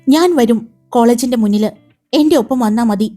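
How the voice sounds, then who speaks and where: A woman's voice: a little high, normal speed, warm tone, soft background music, lightly acted. A woman reading the part of a teasing, protective young man in a romance story, playful and commanding.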